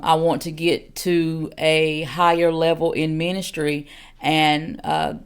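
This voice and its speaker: Gravelly-voiced woman in her forties teaching. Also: low-pitched. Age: 40s. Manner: earnest, direct, many "um"s and repeated questions. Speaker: elder teaching on singleness. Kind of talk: podcast teaching talk.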